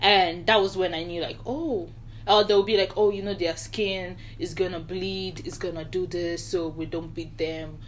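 A woman's voice: on the low side, fairly even intonation, normal speed, slight background noise. A young woman from Nigeria co-hosting a casual podcast, telling her story in an earnest, reflective way. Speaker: podcast co-host. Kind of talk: casual chat.

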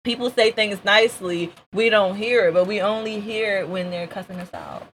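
Female American podcast co-host, medium pitch, teasing colloquial chat, faintly noisy recording. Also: normal speed, fairly bright tone. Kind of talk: casual slangy banter. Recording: faint background noise.

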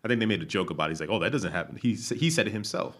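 A man's voice: on the low side, racing, fairly bright tone. A man chatting casually about football, laid-back and full of "you know" fillers, with the odd swear. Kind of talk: casual sports chat.

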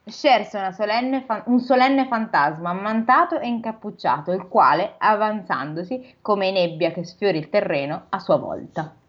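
A woman host reads a classic novel aloud in a steady voice at a middle pitch, slipping into casual, joking asides. The recording is dull and lo-fi. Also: moderate pace, few pauses. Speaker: podcast host and reader. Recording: dull lo-fi sound.

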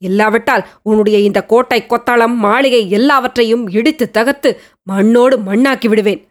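A woman's voice: on the high side, moderate pace, lightly acted. A woman doing a furious old chieftain. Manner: commanding, thunderous demands. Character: furious old male chieftain, grandfather, roaring threats.

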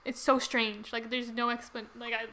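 Young woman co-host, bright and fairly high voice, bubbly, giggly chat. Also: flat delivery, moderate pace. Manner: bubbly, giggly, lots of fillers. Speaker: podcast co-host. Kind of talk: casual chat.

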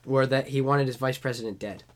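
A man's voice: medium pitch, steady tone, a little fast. Young guy, casual podcast co-host, crude rambling banter. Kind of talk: casual chat.

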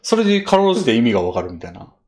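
A man's voice: medium pitch, sing-song, racing, a crowd in the background. A man with a Kansai accent hosting a casual chat podcast, enthusiastic and laughing often. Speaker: podcast host.

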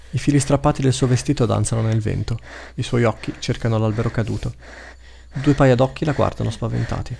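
A man narrates a fantasy tale in a measured, dramatic storybook style. His voice sits low, with a gravelly, creaky texture. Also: a little mellow, slight background noise.

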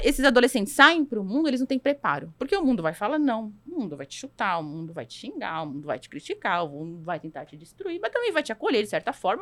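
A Brazilian woman talks fast and emphatically in a podcast conversation, her voice fairly high and full of swooping pitch. She lectures with conviction and slips into the voices of the people she quotes. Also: a bit bright. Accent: Brazilian Portuguese. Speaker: guest speaker on parenting.

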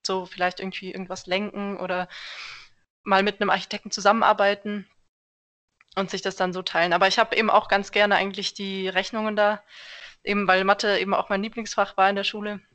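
A young German woman, a civil engineer appearing as a podcast guest, answers interview questions in a relaxed, thoughtful way, dotting her speech with small fillers. Her voice sits in the mid-range and moves fairly quickly.

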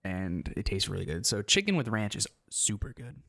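A woman's voice: rumbling low, sing-song, normal speed, creaky, fairly bright tone. A woman co-hosting a podcast in casual chat, explaining words with many fillers. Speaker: podcast co-host. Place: living in Japan.

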